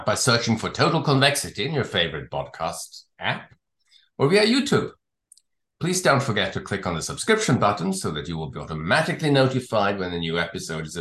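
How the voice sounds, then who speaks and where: A man with a low voice presents as a podcast host. He explains in a measured way, with lively rises and falls. The room adds noticeable echo. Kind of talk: podcast discussion, summarizing and signing off.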